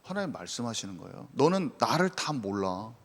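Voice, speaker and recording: A man's voice: medium pitch, very animated, fairly quick. Impassioned male preacher in a reverberant hall. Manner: impassioned, swings between hushed and raised. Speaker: pastor. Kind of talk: sermon.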